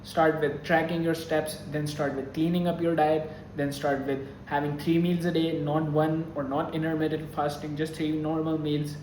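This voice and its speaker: Young male vlogger, earnest, fairly high for a man, roomy echo on the voice. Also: flat delivery, moderate pace, few pauses, a little mellow, slight background noise. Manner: earnest and openly emotional. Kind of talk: casual vlog talk to camera. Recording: echoey room sound.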